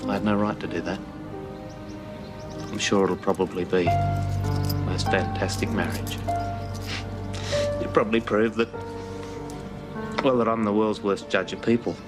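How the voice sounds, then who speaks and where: Low male voice, actor playing gruff proud older Australian, plain-spoken, halting, soap drama, clear background music. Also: steady tone, lightly acted. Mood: apologetic. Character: blunt, stubborn, proud but good-hearted older bloke. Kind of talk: television soap drama acting. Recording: TV soundtrack with music underneath.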